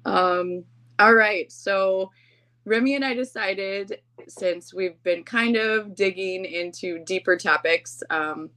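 A woman's voice: mid-range voice, slow pace, bright, forceful tone. A woman co-hosting a podcast in casual chat, talking in an informal, chatty, self-deprecating way. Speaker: podcast co-host.

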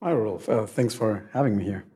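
A man's voice: lowish voice, normal speed, warm tone, slightly rough. A man in his thirties from Argentina, a scholar guest who talks in a casual, hesitant way with many fillers and restarts. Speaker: guest, game studies scholar. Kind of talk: casual interview answers.

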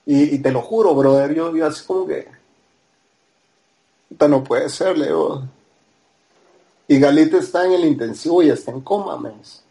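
A man's voice: fairly high pitch, normal speed, long pauses, mellow. A man with a Guatemalan accent, a podcast guest telling a personal story casually. He acts out the dialogue and keeps tagging his lines with a questioning "ah". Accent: Guatemalan Spanish.

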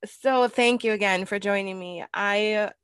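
A woman's voice: mid-range voice, measured pace, fairly bright tone, smooth, no room sound, studio quality. An American woman with a nasal voice, congested from a cold, chatting casually as a podcast host. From Wisconsin, United States. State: has a cold. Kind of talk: casual interview chat.

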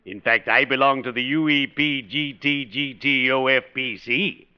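An actor playing a genial, ghoulishly courteous undertaker in a 1940s radio comedy, with solemn, pompous, formal diction. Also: male voice, medium pitch, steady tone, unhurried, smooth, lightly acted. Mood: pompously genial. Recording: dull old radio recording.

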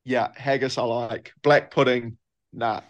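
A man's voice: medium pitch, little pitch movement, unhurried. A young man with a New Zealand accent, a professional rugby player answering interview questions in a loose, laid-back way. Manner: laid-back, loose, lots of filler phrases.

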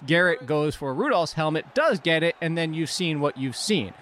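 A man's voice: fairly high pitch, lively intonation, moderate pace, fairly bright tone. A man hosting a casual sports talk show, walking viewers through an incident with energy.

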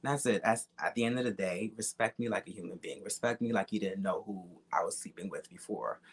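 Young man, lowish voice. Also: a little fast, breathy edge. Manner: emphatic, repetitive, slangy and profane. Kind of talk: casual, candid conversation.

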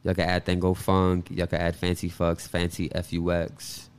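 Male event promoter as podcast guest, deep smooth voice, loose slangy rambling. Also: completely flat delivery, normal speed. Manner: laid-back, slangy, rambling. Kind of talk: casual chat.

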